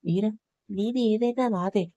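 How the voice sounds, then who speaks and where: A woman's voice: medium pitch, measured pace, dark tone, no room sound, dull audio, close to an everyday voice. A woman voicing a bossy young husband who talks in a commanding way.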